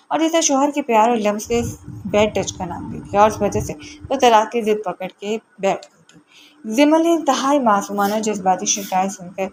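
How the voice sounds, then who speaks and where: A woman narrating a romance novel in a steady, even storytelling manner. Her voice sits at a middle pitch, and a faint hiss runs beneath the reading. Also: poor audio.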